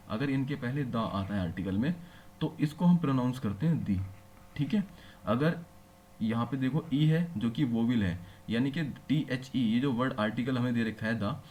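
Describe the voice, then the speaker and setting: A man at an ordinary middle pitch teaches a lesson, explaining each point patiently. He keeps turning to his listeners with quick questions to make sure they are following. A faint background noise runs under his voice. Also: a little mellow. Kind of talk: classroom lecture.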